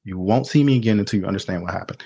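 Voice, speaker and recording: A man telling his life story as a podcast guest, candid and animated, acting out other people's voices as he goes. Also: fairly low pitch, rapid-fire, breathy edge. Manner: animated, acts out voices in quotes. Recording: dull lo-fi sound.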